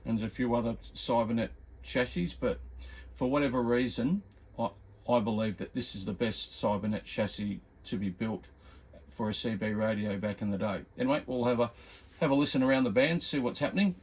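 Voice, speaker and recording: This man's voice is mid-range with a breathy edge, and he talks fairly quickly while informally walking through a hobbyist demo. Loud radio static, noise and CB radio chatter fill the recording.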